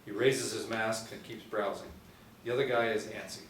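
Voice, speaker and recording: A middle-aged man with a lowish, fairly bright voice reads scripted stage directions as narrator at a table read, keeping a steady tone at normal speed. He sits in a small indoor room reading from a tablet. The echoey room and distant mic leave faint noise in the recording.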